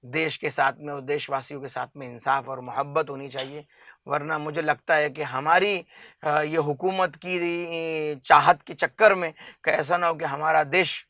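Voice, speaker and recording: A man with a high, bright, sharp-edged voice speaks as an interview guest making a heartfelt public appeal. He is earnest and emphatic, hammering his point with long lists. His voice is recorded dry and close. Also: steady tone, dry recording. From India.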